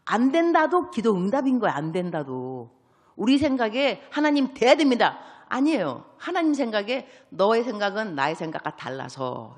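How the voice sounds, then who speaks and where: A woman preacher delivers a sermon in a big church sanctuary, her pitch leaping up and down as she tells Bible stories. She acts out what each person says and slips in English words. Her voice rings with a long reverb from the hall. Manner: lively storytelling, acting out biblical dialogue; sprinkles English words into speech. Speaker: missionary preacher. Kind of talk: evangelistic sermon.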